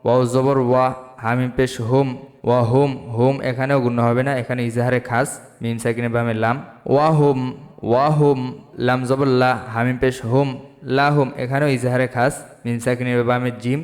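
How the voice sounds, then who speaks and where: A man teaching Quran reading, spelling out each letter and vowel mark syllable by syllable and then chanting the verses slowly in melodic recitation. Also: medium pitch, flat delivery. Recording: long hall reverb with faint music.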